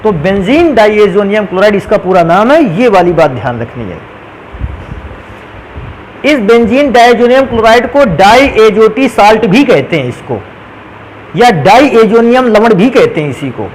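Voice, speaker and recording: A man's voice: high-pitched, big pitch swings, measured pace, pauses often, slight background noise, poor audio. A male chemistry teacher lecturing a class, calling students "beta" and answering his own questions as he goes. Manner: calls students "beta", asks questions and answers them himself.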